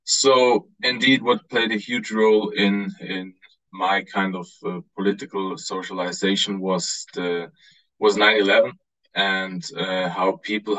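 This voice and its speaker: Man in his thirties from Austria, low-pitched, dry close sound, earnest panelist. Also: fairly bright tone, dry recording, poor audio. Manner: halting, many fillers, earnest. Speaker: panelist, author. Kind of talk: panel discussion on video call. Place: home room indoors. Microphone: video call.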